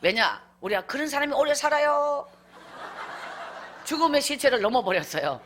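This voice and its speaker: A woman's voice: high voice, big pitch swings, normal speed, a bit bright, slight background noise. A woman evangelist tells her life story in a revival sermon, emphatic and acting out scenes as she goes. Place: church.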